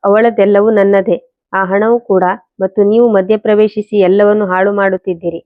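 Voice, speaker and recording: A scheming husband speaks with false softness that hardens into threats, as a woman narrator reads him. The delivery stays flat in pitch, in a dry, muffled recording. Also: moderate pace, dry recording, natural voice. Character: smooth-talking deceitful husband, adult man. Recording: dull lo-fi recording.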